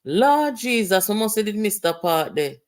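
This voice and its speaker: Animated Jamaican co-host speaking patois. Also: medium pitch, normal speed. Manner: animated, exclamatory, often laughing. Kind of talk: casual talk-show discussion.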